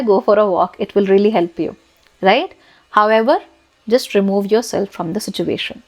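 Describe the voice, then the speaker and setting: A woman with an Indian accent giving direct advice to camera, firm and instructive, repeating her key points. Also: fairly high pitch. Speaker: life advice host.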